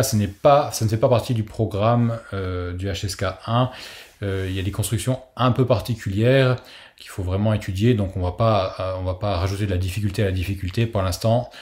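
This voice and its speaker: A man's voice: on the low side, darkish tone. A man teaching a recorded language lesson, explaining patiently and modeling pronunciations for the listener to repeat.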